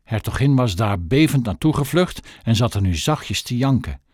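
A man narrates a children's story in an expressive, storytelling manner. His pitch moves lively up and down. The recording is dry and close, with no room sound. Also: moderate pace, no echo. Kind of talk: audiobook narration.

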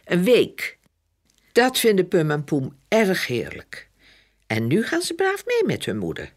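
Slow husky woman reading a storybook. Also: lowish voice, wildly swooping pitch. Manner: slow gentle storytelling with breathy hushed passages. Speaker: reader. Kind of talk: storybook read-aloud.

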